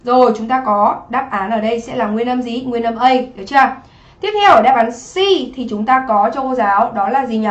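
A woman's voice: a little high, fairly even intonation, a little fast, roomy sound, muffled recording. A woman teacher going through English exam answers step by step and often checking with the class whether they follow. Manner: explains step by step, often asks "right?". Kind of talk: exam review lesson.

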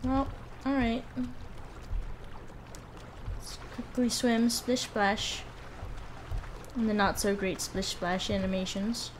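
Slow-talking woman playing a video game. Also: a little high, slight background noise. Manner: casual, joking, swears freely. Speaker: let's play host. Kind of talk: casual gameplay commentary.

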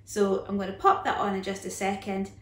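A woman speaks earnestly to camera, delivering a motivational assembly message for a school. Her phrasing is deliberate, with repetition for emphasis. She sounds distant from the microphone in a reverberant living room. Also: medium pitch, monotone, fairly bright tone, slight background noise. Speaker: school staff member giving assembly talk. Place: small living room, indoors on a sofa. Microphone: camera a few feet away. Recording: roomy, echoey, distant microphone.

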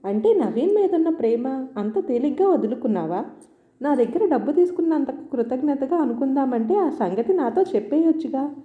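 A woman's voice: high-pitched, moderate pace. A woman reading a hurt, sarcastic young man in a story. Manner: calm then biting, sarcastic. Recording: roomy, dull lo-fi sound.

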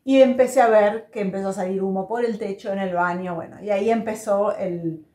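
A woman hosts a casual podcast, chatty and earnest as she tells a story. Her voice sits at an ordinary middle pitch. It is recorded in an echoey room at home. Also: steady tone, brisk, darkish tone. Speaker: podcast host.

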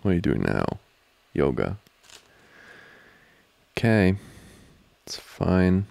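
Speaking close to a dry microphone, a low-voiced man with heavy creak acts out a studying boyfriend for ASMR, flustered and distracted yet teasing and affectionate. His delivery is slow, hesitant and very animated, with frequent rises and dips in pitch and a darkish tone.

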